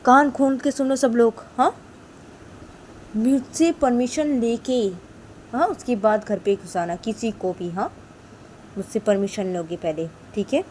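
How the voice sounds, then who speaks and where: A woman voicing a stern, rich woman boss who barks loud scolding orders at her guards. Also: on the high side, unhurried, slight background noise, pitched above the performer's own voice, close to an everyday voice. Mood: angry commanding.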